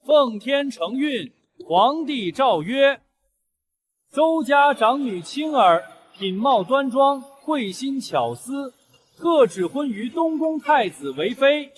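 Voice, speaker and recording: An actor playing a palace eunuch who reads an imperial decree in a slow, solemn, formal voice. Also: male voice, very high voice, sing-song, big-room sound, full character voice. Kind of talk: short period drama acting.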